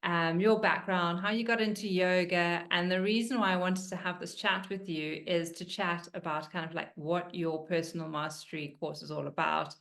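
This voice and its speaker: A woman's voice: fairly low pitch, fairly even intonation, moderate pace, vocal fry, hardly any pauses, a bit bright. A woman hosting a casual interview, speaking in a bubbly, informal way with lots of fillers. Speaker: interview host.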